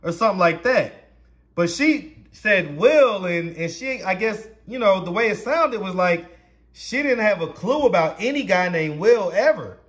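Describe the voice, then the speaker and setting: Easygoing high-voiced man interviewing. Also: lively intonation, unhurried, a bit bright. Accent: Southern US. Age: 30s. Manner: easygoing, laughs often, chatty questions. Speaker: street interviewer. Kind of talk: casual interview.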